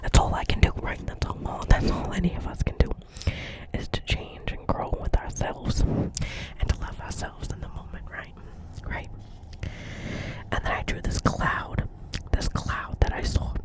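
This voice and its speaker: Whispering unhurriedly over poor audio, the speaker plays a dreamy, chatty receptionist at a doctor's office, New Jersey accent and all. She rambles with sincerity, says things more than once, and often asks after the listener.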